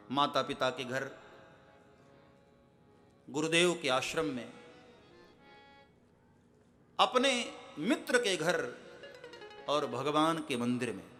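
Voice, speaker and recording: A man's voice: fairly high pitch, pushed and bright. A male preacher telling a devotional story in a sermon, chanting verse couplets and speaking directly to his listeners. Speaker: katha preacher.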